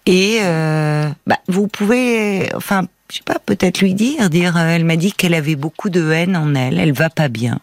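A woman hosting a call-in advice radio show, counselling a caller in a calm, firm way with many hesitations. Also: lowish voice, normal speed, hardly any pauses, no echo, clean studio sound. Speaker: radio host.

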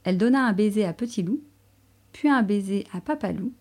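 A woman reading a children's story aloud in a gentle, expressive way. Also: medium pitch, fairly quick. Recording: soft music underneath.

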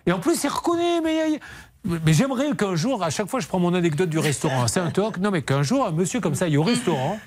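A man hosting a live consumer radio show, talking in an animated, indignant, bantering way from the studio. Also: high voice, fast talker.

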